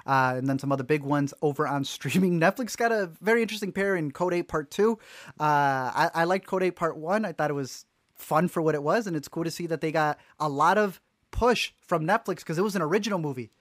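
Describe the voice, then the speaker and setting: A man co-hosting a casual movie news podcast, animated and joking with quick asides. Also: a little high, no room sound, clean studio sound. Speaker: podcast co-host.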